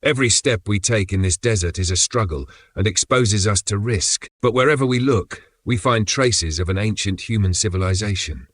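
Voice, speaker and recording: A worn-out woman who leads a desert expedition, read by a man narrating a game's storybook, feeble yet resolute. He gives her his own low voice, dry and close to the mic. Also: normal speed, few pauses, a bit bright, no room sound. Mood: weary earnest. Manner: feeble, earnest delivery. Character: weary, determined female desert explorer leader.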